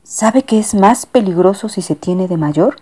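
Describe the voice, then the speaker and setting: A woman voicing a doting, fussy lady passenger in a storybook reading, with a high cooing manner. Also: expressive, measured pace, warm tone, slightly rough.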